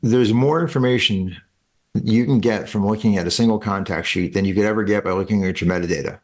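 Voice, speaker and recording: A middle-aged man hosts a casual interview, asking technical questions in a nerdy, rambling way. His voice sits low, and he keeps cutting himself off to start again. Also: quick pace. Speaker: podcast host, street photography mentor.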